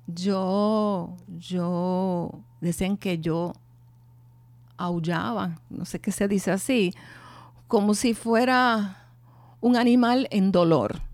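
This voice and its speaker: A middle-aged woman speaking earnestly and from the heart, telling her own story of grief with pauses and restarts. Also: medium pitch, a little mellow, no echo. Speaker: bereaved mother sharing her testimony. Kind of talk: personal testimony and talk on grief.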